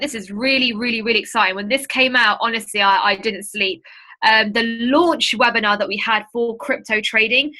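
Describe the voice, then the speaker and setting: Her voice runs on the high side, bright and pushed. As a trading mentor hosting an informal online training webinar, she addresses listeners directly, chatty and emphatic, spurring them on.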